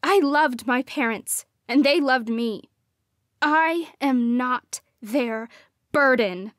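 A woman's voice: sits high, takes it slowly, fairly bright tone, no echo, clean studio sound. A woman voicing a frightened but defiant young witch who cries out her words in an audiobook. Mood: desperate. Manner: crying out, insistent.

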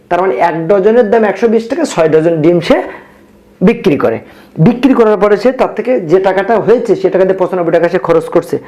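Soft-spoken teacher counting out sums. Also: male voice, sits high. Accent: Bangladeshi Bengali. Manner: patient, repeats steps aloud, quizzes students and answers himself; speaking softly on purpose late at night. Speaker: math teacher. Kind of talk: math lesson for young children.

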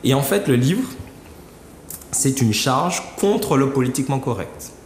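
A man of middle pitch, a guest in a studio, explains a book at length, thinking aloud and restarting his phrases often. His voice sits in a roomy space with a long reverb tail. A faint noise runs underneath. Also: lively intonation, unhurried, darkish tone. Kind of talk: explaining a book on a talk show.

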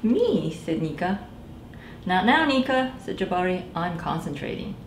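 During a children's storytime in a small library room, a woman in her thirties who works as a librarian reads a picture book with lively character voices, often turning to address the children. She speaks a bit slowly in a lowish voice, recorded in an echoey space with faint background noise.

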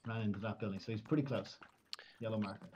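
A man's voice: lowish voice, fast, a little mellow, a little hiss or hum, low-quality recording. A man, co-hosting a game stream, easygoing and calling out enemy positions. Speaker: co-host. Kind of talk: casual game stream chat.

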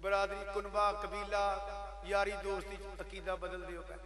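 A man's voice: high voice, monotone, normal speed, a bit bright, a little hiss or hum. A man with a Pakistani Punjabi accent preaching emphatically to a gathering and urging the crowd to respond. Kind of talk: Punjabi religious speech to a crowd. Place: outdoor religious gathering. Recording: echoey live gathering, crowd audible.

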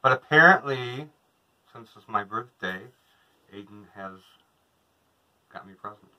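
A man's voice: medium pitch, animated, unhurried, bright, forceful tone, rough recording. A man in his thirties, a vlogger, chatting casually to a camera across from him inside a small trailer. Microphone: camera a couple of metres away.

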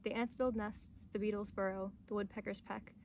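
Reading a children's nature storybook on a forest trail, the young intern has a mid-range, slightly mellow voice, a flat delivery and a moderate pace. The recording comes from a camera or phone a short distance off, with clear outdoor ambient noise.

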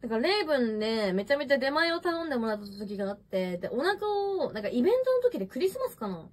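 A woman's voice: a little high, very animated, quick pace, darkish tone. A young woman chatting casually on a livestream while eating, rambling and answering viewer comments, recorded on a smartphone at home. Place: messy room at home.

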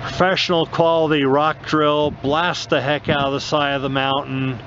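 A man with a slightly high voice talks easygoing and matter-of-fact as he hikes, filling his pauses with little ums. He is outdoors on a mountain at night, recorded on a camera mic. The sound is dull and lo-fi, with clear background noise. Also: little pitch movement. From United States. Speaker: mineral prospecting vlogger. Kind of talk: casual outdoor narration to camera.

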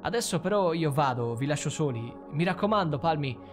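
A man's voice: a little high, animated, a little fast, over music, voice pushed up, lightly acted. A man voicing a breezy, wry woman in her thirties who works in international policing, in a read-aloud story.

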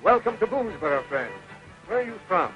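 An actor playing a friendly frontier settler who speaks in a hearty, welcoming way. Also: male voice, high voice, big pitch swings, a little fast, lo-fi sound, over loud music. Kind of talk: 1960s television drama acting.

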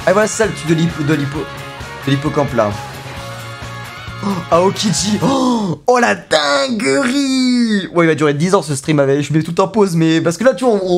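Excitable young man hyping a stream. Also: on the high side. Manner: excitable, exclamatory, heavy slang, repeats phrases. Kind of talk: excited reaction stream commentary.

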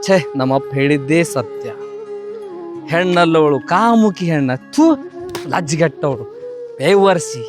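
An actor from North Karnataka playing a betrayed husband who rants and spits insults, in a village comedy skit, over background music. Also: male voice, fairly high pitch, animated, unhurried, pauses often. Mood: bitter. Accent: North Karnataka Kannada. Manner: ranting, spitting insults. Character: betrayed husband, bitter and self-pitying.

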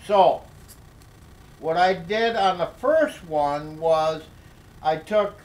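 An older man explaining a workshop project at his workbench, talking slowly with many fillers and restarts. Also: fairly high pitch, darkish tone, poor audio. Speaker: DIY workshop instructor. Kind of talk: hands-on workshop tutorial.

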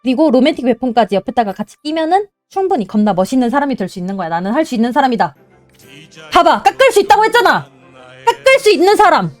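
High-voiced woman cheering on her game. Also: quick pace, dry recording. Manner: animated, cheering herself on, mock-calming herself. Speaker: VTuber game streamer. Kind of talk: excited live game commentary. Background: game music.

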